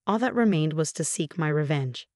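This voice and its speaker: A woman narrates a scripted first-person revenge story in a lowish voice. Her reading stays steady and measured from line to line. The recording is dry and close, with no room echo.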